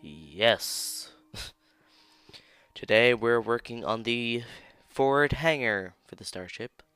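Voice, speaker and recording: Young guy w a lowish voice chatting thru his 3d build, chill and self-mocking, a little music behind. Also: a bit bright, clean tone. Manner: laid-back and self-deprecating, chuckles often, tired from rerecording. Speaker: YouTuber narrating a 3D modeling build. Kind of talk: casual screen-recorded commentary.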